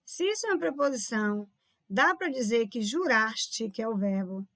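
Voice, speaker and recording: A woman's voice: fairly high pitch, lively intonation, normal speed, fairly bright tone, no echo, studio quality. A woman teacher with a Brazilian Portuguese accent explains grammar exam questions, often checking in with her viewers as she goes. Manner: explanatory, keeps checking in with "tá vendo?" and calls viewers "povo lindo". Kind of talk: online grammar lesson solving exam questions.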